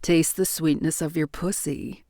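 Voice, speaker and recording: A woman voicing a stoic, possessive grown man who speaks in a low, husky, terse murmur. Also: fairly even intonation, unhurried, warm tone, no echo, clean studio sound. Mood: lustful. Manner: terse, insistent lines.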